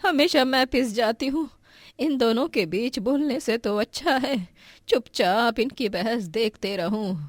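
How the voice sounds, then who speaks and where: A woman's voice: a little high, no room sound. A woman as a weary middle-aged mother-in-law. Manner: weary, placating.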